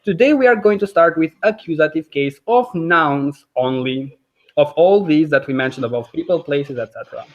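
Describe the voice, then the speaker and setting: Albanian man teaching, high-pitched. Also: animated, moderate pace, muffled recording. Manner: friendly, explanatory, with frequent fillers. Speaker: language teacher. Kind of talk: live online lesson. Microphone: video call.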